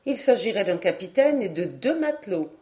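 A woman's voice: medium pitch, sing-song, moderate pace, dark tone, lightly acted. A woman reading the lines of an eager, gracious young noblewoman in an audiobook.

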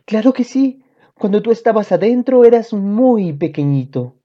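A woman reading aloud, voicing a gentle, cheerful young mother in a children's storybook with a sweet, sing-song manner. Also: mid-range voice, lively intonation, normal speed, pitched above the performer's own voice, lightly acted. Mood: tender. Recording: dull lo-fi audio.

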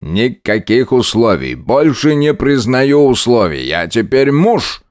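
A man voicing a tipsy, eager newlywed husband who speaks slowly. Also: lowish voice, lively intonation, smooth. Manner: slow, tipsy, slurred.

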